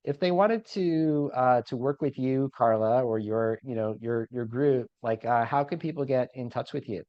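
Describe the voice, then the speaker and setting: A male podcast host who rambles through his questions, leaning on "you know" and "like". His voice sits at an average pitch. The audio sounds dull and muffled, with no room echo. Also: normal speed. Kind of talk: podcast interview.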